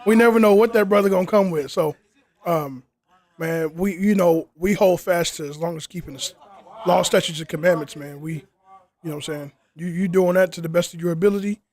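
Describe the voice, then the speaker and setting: A man's voice: sits high, fairly quick, darkish tone. A man hosting a casual outdoor podcast interview, who keeps tossing in "you know what I'm saying" as he talks. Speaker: interviewer and group leader. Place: outdoors in the cold.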